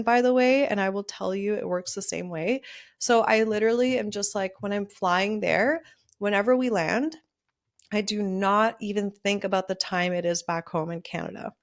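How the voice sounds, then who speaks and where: A woman in her thirties talks straight into a podcast microphone in a chatty, upbeat solo episode. Her voice sits at an ordinary middle pitch for a woman. She leans on "like" as she talks. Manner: chatty and upbeat, with frequent "like" fillers. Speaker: podcast host. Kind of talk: casual solo podcast talk.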